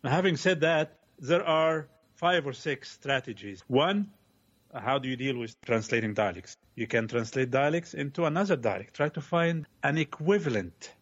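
A man, a translation scholar, talking in a conversational interview, lively and opinionated with quick asides. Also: medium pitch, breathy edge, highs cut off.

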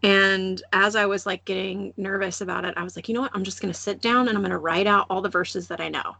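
Expressive woman with a gravelly edge, dry sound. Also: mid-range voice, quick pace, no room sound. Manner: animated storytelling, acts out voices and laughs often. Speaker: podcast host. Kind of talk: casual faith podcast chat.

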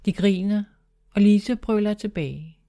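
Woman narrator for a children's story, calm and clear, mellow voice. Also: medium pitch.

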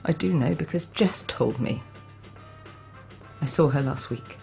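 A woman's voice: low-pitched, unhurried, vocal fry, mellow. An actress playing an anxious pregnant wife who hesitantly defends herself against her husband in a radio drama. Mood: defensive. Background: faint music.

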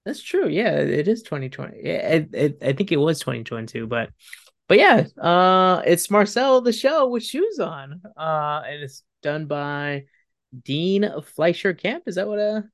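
A man's voice: on the high side, big pitch swings, dry recording. Rambling casual podcast man, dry sound. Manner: rambling, halting, many fillers and restarts. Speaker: podcast co-host. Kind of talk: casual film discussion.

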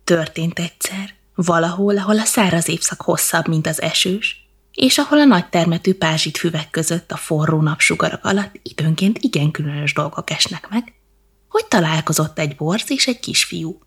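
A woman reading a bedtime story in a soft, slow, half-whispered manner. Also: fairly low pitch, slightly rough.

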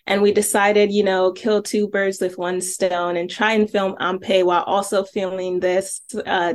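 A woman from Nigeria, a filmmaker guest, chatting casually and telling a story with many asides. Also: mid-range voice.

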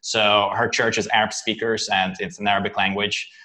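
Bright-voiced man speaking halting English. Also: fairly low pitch, little pitch movement. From born in Lithuania, raised in Israel. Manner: halting, searching for words. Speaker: interview guest. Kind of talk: casual interview conversation.

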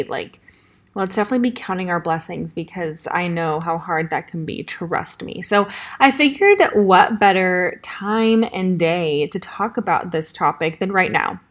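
Bubbly Valley Girl podcast host. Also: medium pitch. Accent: Californian Valley Girl. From Southern California. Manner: bubbly, upbeat, chatty with fillers like "like" and "um". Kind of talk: casual solo podcast chat.

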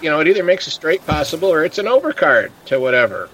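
A man's voice: fairly high pitch, big pitch swings, fast talker, fairly bright tone, rough recording. A man chatting casually as a podcast host, telling stories and acting out the people he quotes. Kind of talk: casual chat.

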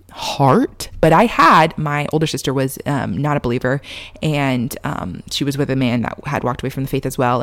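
A woman's voice: deep voice, dry recording, studio quality. A woman with an American valley girl accent and manner, talking casually and confessionally to her online viewers about faith, peppering her sentences with "like".

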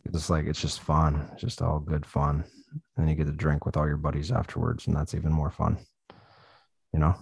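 Laid-back low-voiced man, swearing and laughing. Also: monotone, normal speed, vocal fry, darkish tone, slightly rough, no room sound. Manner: loose and profane, laughing often through stories. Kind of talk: casual chat.

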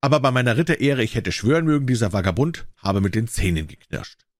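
A man voicing a cruel, fat, jesting male king in a storybook reading, loud and mocking. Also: medium pitch, lively intonation, fast talker, no room sound, studio quality, lightly acted. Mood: blustering.

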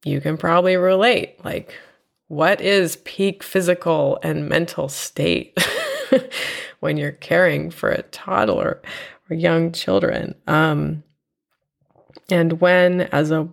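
Woman podcast host, nasal with a cold, low voice, slow, reflective. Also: fairly even intonation, gravelly. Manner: reflective, unhurried, with fillers and soft laughs. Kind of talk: personal podcast monologue. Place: at home. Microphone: home podcast mic.

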